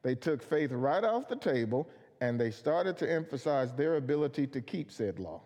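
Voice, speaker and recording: A man's voice: medium pitch, big pitch swings, normal speed, darkish tone. A man preaching a Bible study sermon, earnest and emphatic, asking questions and answering them himself. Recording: long hall reverb.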